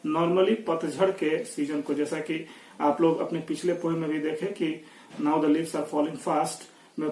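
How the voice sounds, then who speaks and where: A man with an Indian accent teaching poetry, explaining slowly and carefully in a lesson. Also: on the high side, darkish tone, reverberant, distant mic, rough recording. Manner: slow explanatory, reads verse aloud slowly. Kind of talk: Hindi-English poetry lesson.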